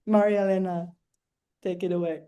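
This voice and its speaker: A woman's voice: fairly low pitch, flat delivery, moderate pace, mellow, muffled recording. A woman moderator introducing a guest author with enthusiastic praise. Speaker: host, moderator. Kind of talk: introducing a speaker.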